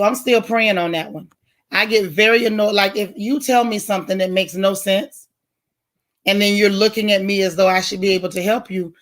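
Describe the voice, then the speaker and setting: A woman's voice, heavy and loud with some bass and hoarse right now, comes through as she hosts a relaxed livestream and answers comments from chat, talking directly and with emphasis.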